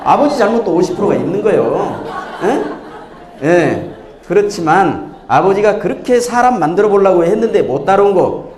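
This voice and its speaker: A middle-aged man giving a lively lecture on inheritance law, full of jokes, rhetorical questions and acted-out voices. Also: sits high, echoey room. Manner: animated storyteller, acts out voices, rhetorical questions. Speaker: tax accountant lecturer. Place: lecture hall with audience.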